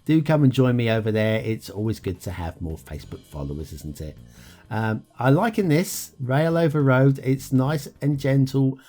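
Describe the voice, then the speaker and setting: A chatty show host reviews game maps in casual gameplay commentary, speaking at normal speed with a medium-pitched, animated voice and a dark tone. He's self-mocking, chuckles often, and trails off with ums, while faint music plays behind him.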